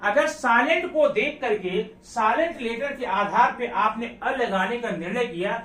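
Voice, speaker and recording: In an echoey room, heard from a distance, a male teacher gives a grammar lesson to his class. His very high voice is unhurried and a bit bright, and he keeps asking students questions and repeating key words.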